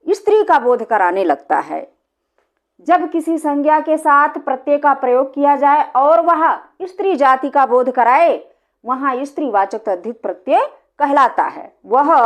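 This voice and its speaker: A woman teacher explaining grammar step by step, asking questions and answering them herself. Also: sits high. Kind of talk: classroom grammar lesson.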